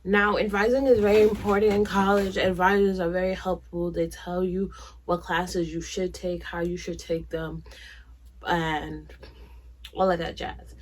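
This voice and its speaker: A woman's voice: fairly low pitch, level tone, unhurried, husky. Blunt, chatty young New woman. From New York. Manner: candid, blunt and chatty with slang. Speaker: vlogger. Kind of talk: casual talk to camera.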